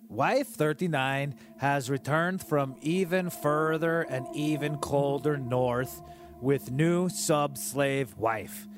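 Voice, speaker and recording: A man doing a slow, smug dictator king. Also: a little high, pitched above the performer's own voice. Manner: broken English, slow and deadpan. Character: cruel pompous self-aggrandizing male dictator king. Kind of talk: comedic diary-reading monologue.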